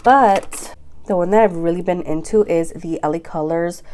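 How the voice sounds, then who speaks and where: A woman's voice: lowish voice, moderate pace, a little mellow, slight background noise. A young woman vlogging about her makeup collection in a casual chat, her voice nasal and congested from a cold. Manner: chatty, upbeat, says "girl" and "go ahead".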